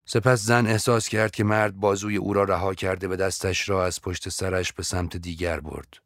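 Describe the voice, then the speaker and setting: A man narrating a story in a steady, measured audiobook reading. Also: low-pitched, no echo, studio quality.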